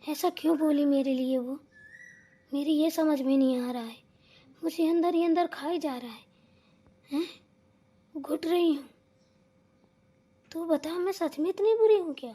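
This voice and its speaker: A woman voicing a sharp-tongued old mother-in-law in a cartoon comedy, scolding and complaining in rustic turns of phrase. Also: high-pitched, measured pace, long pauses. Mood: hurt.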